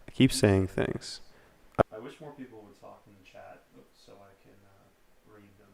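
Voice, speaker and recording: A man's voice: on the low side, huge pitch swings, normal speed, creaky, noisy background. A man co-hosting a casual podcast livestream, playful and joking as he reads the chat aloud. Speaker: podcast co-host.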